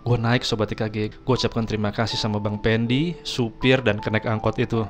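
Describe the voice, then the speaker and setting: A man's voice: on the low side, flat delivery, a little fast, soft background music. A man casually telling a personal story, chatty, keeps addressing his viewers. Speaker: storyteller host.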